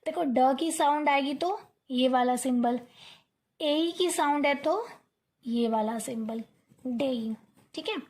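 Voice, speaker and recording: This young English teacher runs an online lesson in a high, darkish voice, speaking a little slowly. She encourages her students, drills sounds by repeating words, and frequently checks on them.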